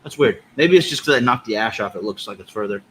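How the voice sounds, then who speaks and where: A man's voice: on the low side, expressive, quick pace, a little hiss or hum. A man co-hosting a podcast, talking in a casual, conversational review style. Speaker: podcast co-host. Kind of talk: casual cigar review chat.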